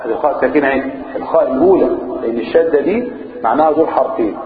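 A man with an Egyptian Arabic accent teaching Quran recitation rules, chanting the verses slowly and quizzing his students between quick explanations. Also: medium pitch, a crowd in the background. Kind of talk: explaining tajweed rules in a lesson. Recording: echoey room over a tinny phone-like line.

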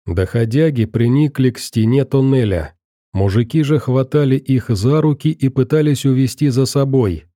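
Man narrating an audiobook, very dark voice. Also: medium pitch, moderate pace, no echo, studio quality. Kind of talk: scripted narration.

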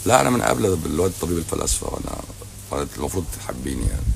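Low-voiced sarcastic Egyptian man, fast. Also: very animated, creaky, slight background noise. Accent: Egyptian Arabic. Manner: sarcastic, teasing, blunt and repetitive. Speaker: doctor answering viewer questions on a livestream. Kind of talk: casual livestream Q&A. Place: hotel lobby at night.

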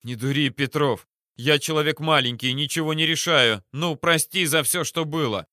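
A blustering, panicky police captain, voiced by a male audiobook reader, speaking higher than the reader's own voice in a bright, forceful tone. His threats come out shrill and keep slipping into pleading. The recording is close and dry. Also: normal speed, no echo.

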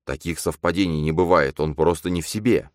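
A man's voice: deep voice, a little fast, dry recording, clean studio sound, close to an everyday voice. A man voicing an ordinary, anxious young man who speaks plainly and politely. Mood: flustered.

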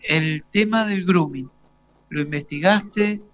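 Slight background noise sits under a high, fairly bright male voice in a dull lo-fi live broadcast. The speaker, a forties-aged radio interviewer with an Argentine Spanish accent, questions students casually, haltingly and with repeated rephrasing.

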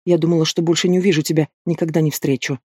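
A hot-tempered young werewolf girl, as a male narrator puts her on with his voice lifted somewhat higher. She sounds fiery and indignant, and the reading is dry and close to the mic. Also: steady tone, racing, a little mellow, husky, no room sound. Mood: angry. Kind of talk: audiobook character voice.

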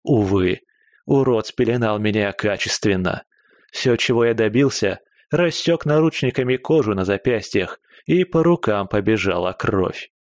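A man narrating a first-person audiobook in a steady, even reading voice. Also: lowish voice, a little slow, no room sound, clean studio sound.

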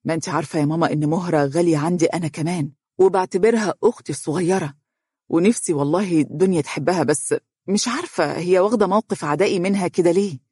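A narrator voicing a calm young husband in an audiobook story, gentle yet firm, speaking quick Egyptian Arabic. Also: medium pitch, slightly rough, dry recording, clean studio sound, lightly acted.

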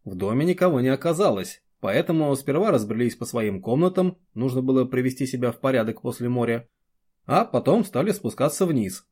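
A man's voice: medium pitch, expressive, a little fast, a little mellow, breathy edge. Man reading an audiobook. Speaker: audiobook narrator. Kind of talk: scripted narration.

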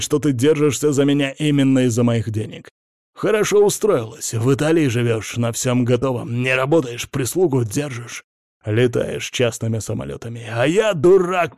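A man's voice: mid-range voice, no room sound, lightly acted. Harsh rich husband who barks and sneers, read by a male narrator, dry close recording. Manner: shouting, scornful. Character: domineering wealthy husband, harsh and bullying. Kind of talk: audiobook character reading.

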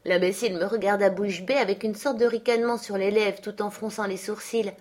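A woman narrating a classic novel aloud in a measured, expressive audiobook reading. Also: medium pitch. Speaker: audiobook reader.

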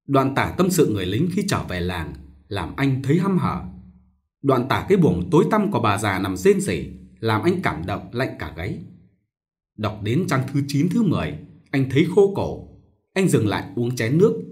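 Man, audiobook story narrator, animated storytelling, lively intonation, mid pitch.

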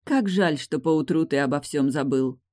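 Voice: medium pitch, moderate pace, a little mellow, no room sound, studio quality, lightly acted. A narrator voicing a proud, hurt woman who speaks coldly and sarcastically in an audiobook. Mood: bitter. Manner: cold, hissing, sarcastic. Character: sharp-tongued proud woman, hurt and angry. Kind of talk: audiobook character voice.

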